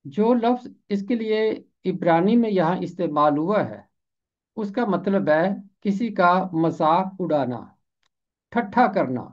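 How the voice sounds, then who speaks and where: A man's voice: high-pitched, expressive, dull audio. A man teaching the pronunciation and meaning of words, saying each term carefully and repeating it for clarity. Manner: deliberate, repeats each word slowly for clarity. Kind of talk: explanatory lesson on word pronunciation.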